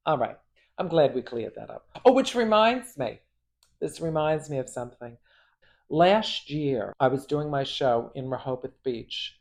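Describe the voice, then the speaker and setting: A man who performs as a drag queen talks casually at home, spinning stories in a campy, sassy way. He swears freely and milks every punchline. His voice sits in a middle pitch. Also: darkish tone. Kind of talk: casual storytelling monologue.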